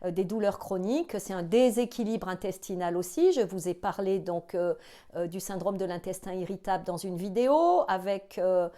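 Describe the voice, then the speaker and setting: A woman hosts her own health video and explains things in a relaxed, unscripted way. She hesitates often, fills gaps with short filler sounds and restarts her phrases. Her voice sits at an ordinary middle pitch. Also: normal speed. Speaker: psychologist and video host. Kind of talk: casual explanatory talk to camera.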